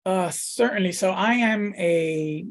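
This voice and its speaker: A man's voice: sits high, slow. A man in his thirties from the Dominican Republic, a pastor talking casually in an interview, thoughtful, with many fillers and restarts. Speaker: pastor, guest.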